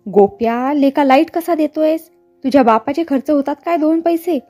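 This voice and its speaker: A woman reading aloud, voicing a hot-tempered middle-aged male film director who yells and scolds his crew. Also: very high voice, moderate pace, soft background music. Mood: yelling angrily. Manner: shouting, scolding.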